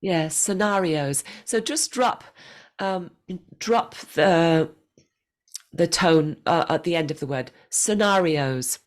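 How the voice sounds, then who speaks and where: A woman with a fairly low voice coaches English pronunciation over a video call. She is patient and encouraging, saying each phrase slowly for her student to repeat. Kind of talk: one-on-one online pronunciation lesson.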